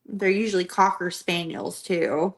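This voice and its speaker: Female co-host, casual book talk, slow and easygoing. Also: fairly low pitch, fairly even intonation. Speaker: book club podcast co-host. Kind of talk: casual chat.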